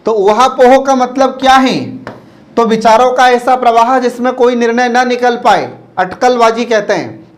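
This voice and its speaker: A male teacher with a very high voice, giving a classroom lecture. He draws each word out slowly, repeats it, and keeps asking whether the students follow. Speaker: Hindi teacher.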